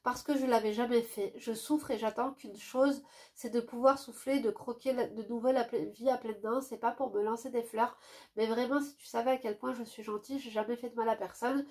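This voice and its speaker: Nasal woman with a head cold. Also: fairly even intonation. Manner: drops to a soft, low voice for quick asides. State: stuffy nose from a cold. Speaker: YouTuber reading a viewer's letter. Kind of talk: reading a letter aloud with casual commentary.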